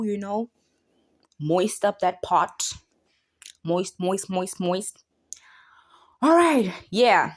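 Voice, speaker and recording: A woman's voice: on the low side, a little mellow. A young woman from South Africa with a South African accent, talking viewers through a recipe in a playful, sing-song way. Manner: playful, sing-song chanting while stirring. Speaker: cooking vlogger. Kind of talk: casual cooking tutorial.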